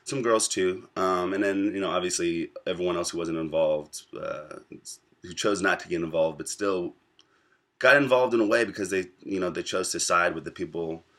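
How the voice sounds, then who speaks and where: A young American man in his twenties talks straight to his viewers, recounting a personal story. His voice sits low and comes out with a forceful edge. He pauses often between thoughts as he works through what he wants to say. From United States. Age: 20s. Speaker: vlogger. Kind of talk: casual storytelling to camera.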